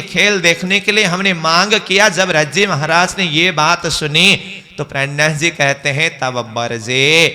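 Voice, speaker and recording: A man's voice: on the high side, bright, forceful tone. A man giving a devotional scripture discourse, reciting verse lines and then explaining them. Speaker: spiritual teacher. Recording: long hall reverb.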